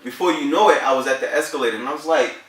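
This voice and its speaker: A man's voice: medium pitch, racing, fairly bright tone. A man in his thirties from New Jersey, telling a story casually on a vlog in slangy talk, acting out his own lines. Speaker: vlog co-host. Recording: echoey room, mic at a distance.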